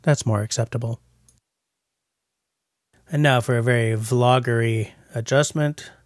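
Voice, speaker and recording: Here the forties-aged bushcraft vlogger delivers an unhurried voice-over with a mid-range voice and fairly even intonation. The sound is dry and studio quality, captured on a voice-over mic indoors, not outside. He narrates the casual vlog with self-deprecating humor.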